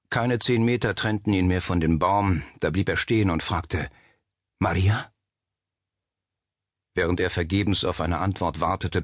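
A man reading a suspense novel aloud as narrator, measured and steady. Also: on the low side, breathy edge, no echo, studio quality. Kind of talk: scripted audiobook narration.

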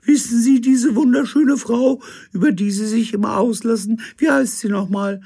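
A man voicing a high-voiced, offhand, vague woman in a comic story, breezy and matter-of-fact. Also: moderate pace, gravelly, mellow, breathy edge, full character voice.

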